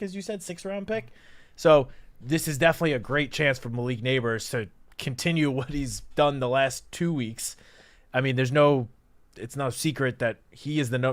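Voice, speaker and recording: A man's voice: medium pitch, fairly bright tone. A man co-hosting a sports show in casual, conversational football discussion.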